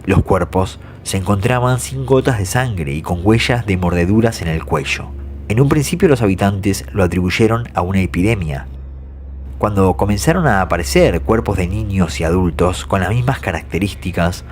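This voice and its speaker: Low-voiced man narrating horror legends. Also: a little hiss or hum. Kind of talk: scripted horror story narration. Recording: faint music behind the voice. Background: soft background music.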